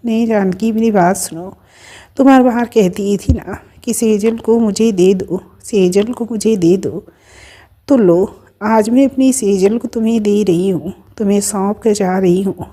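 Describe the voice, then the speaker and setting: A woman voicing a gravely ill mother in an audio story, speaking softly and pleading through tears. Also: mid-range voice, unhurried, natural voice. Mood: tearful. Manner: soft, tearful pleading.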